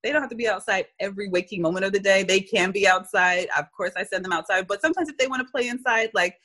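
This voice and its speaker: Animated woman giving relationship advice. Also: medium pitch. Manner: animated, talks in quick asides with many "like" and "you know" fillers; acts out little quoted lines of dialogue. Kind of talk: casual advice conversation.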